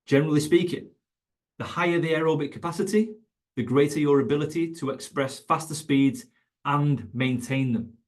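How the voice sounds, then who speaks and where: A man's voice: on the high side, moderate pace. A man teaching coaches in an online webinar, emphatic and conversational, repeating his key points. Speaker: fitness coach educator.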